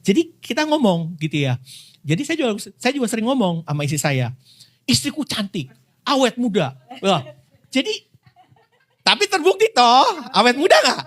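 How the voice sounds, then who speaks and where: A man preaching a sermon in a casual, playful way, acting out quick quotes and laughing along. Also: very high-pitched, huge pitch swings, fairly bright tone. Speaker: pastor.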